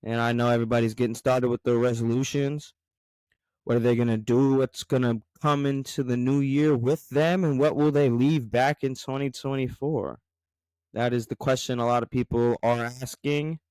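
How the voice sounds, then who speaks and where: A man's voice: medium pitch, steady tone, moderate pace, a little mellow, clear, resonant tone, no room sound, rough recording. A man with an American accent talking casually as a solo podcast host, in a rambling, conversational way. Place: garage.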